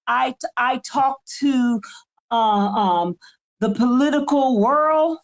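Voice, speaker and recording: A woman in her seventies co-hosts a spiritual podcast, preaching with fiery, emphatic conviction. Her voice sits high and moves slowly, and the highs sound cut off.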